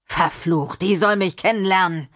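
A woman voicing a drunk, violent middle-aged man who snarls and hisses slowly in an audiobook. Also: on the low side, fairly bright tone. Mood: menacing. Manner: snarling, hissing, slow and menacing.

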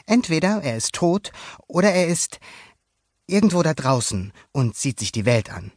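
A man's voice: fairly high pitch, very animated, normal speed, dry recording, studio quality, voice pushed up. A man voicing an eager, flustered young sea monster boy in a storybook reading, talking in a hasty rush. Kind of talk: storybook character voice.

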